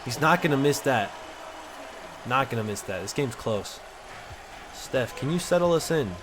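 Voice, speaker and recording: A man giving casual, excited play-by-play commentary over a basketball video game, with slang in his talk. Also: mid-range voice, normal speed, noisy background. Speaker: gaming content creator.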